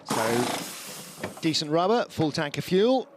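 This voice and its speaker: Male lead motorsport commentator, fairly high voice, live race calls over very loud car noise. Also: big pitch swings, unhurried. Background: race cars.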